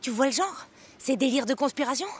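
High-voiced, chatty camp clerk. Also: female voice, lively intonation, a little fast, slight background noise. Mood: excited gossip. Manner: casual, slangy, gossipy. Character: chatty, excitable female camp bounty clerk. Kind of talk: video game dialogue.

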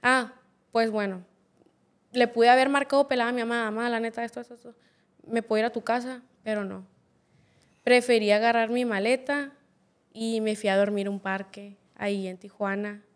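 A woman's voice: on the high side, fairly even intonation, normal speed. A woman in her twenties with a Mexican accent, a podcast guest telling her own life story bluntly, full of slang and constant swearing. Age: 20s. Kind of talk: candid personal storytelling.

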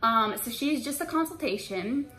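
A woman's voice: a little high, lively intonation, moderate pace, pushed and bright, rough recording. A young woman in her twenties, a hairstylist, chatting to camera in an empty salon, reassuring and full of fillers and restarts. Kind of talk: casual vlog talk to camera. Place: empty hair salon indoors.

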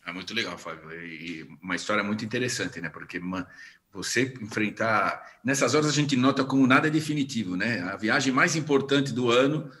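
A man's voice: on the low side, a little fast, a bit bright. Man, moderator, jovial chatty tone, video call. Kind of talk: video call panel discussion.

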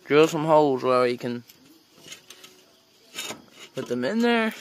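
Very animated yet slow-paced, with slight background noise, a teenage guy rambles through a casual farm vlog. His phone is held at arm's length as he shows the barn, the animals and a trailer, outside and in an open wooden barn, and he talks to the animals in a high baby voice.

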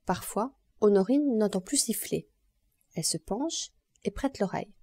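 A woman narrating an audiobook in a calm, measured reading voice. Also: mid-range voice, slightly rough, no room sound. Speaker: audiobook reader.

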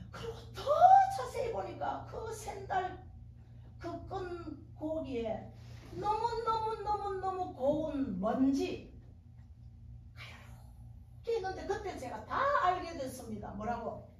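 Middle-aged woman, dramatic testimony sermon, high and swooping voice, distant mic. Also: a little hiss or hum. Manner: dramatic storytelling, acting out dialogue. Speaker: guest speaker at a revival meeting. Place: church sanctuary. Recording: very echoey church hall, distant.

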